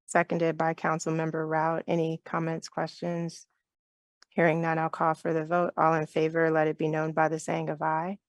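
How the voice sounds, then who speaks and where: A woman chairs a town council meeting over a video call, speaking with a low, level voice that barely rises or falls. Her delivery is measured and polite, running through motions and votes step by step. The sound is close and dry, with no room around it. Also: monotone, no room sound.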